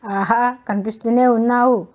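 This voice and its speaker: Brief: woman doing a curt, scoffing wife for a storybook, warm low-bright tone. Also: fairly even intonation, moderate pace, close to an everyday voice. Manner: curt, dismissive. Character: sharp-tongued, skeptical landlord's wife. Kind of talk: storybook reading.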